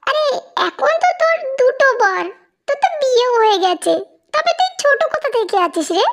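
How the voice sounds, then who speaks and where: A woman's voice: extremely high pitch, big pitch swings, a little fast, pitched above the performer's own voice, heavily acted. A woman voicing a teasing, chatty young man in a storybook reading.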